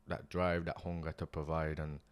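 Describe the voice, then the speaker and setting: Young guy, low voice, slangy, earnest interview guest. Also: level tone, moderate pace, clean tone. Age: young adult. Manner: slangy and earnest, many restarts. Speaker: guest, property investor. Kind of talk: casual interview chat.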